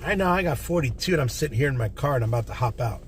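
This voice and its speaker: A man's voice: medium pitch, expressive, rapid-fire. Rambling man chatting from his car. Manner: rambling, talks to chat viewers by name. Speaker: vlogger, teacher. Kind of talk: casual livestream chat while driving. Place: inside a car. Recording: car interior with road noise. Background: car and traffic noise.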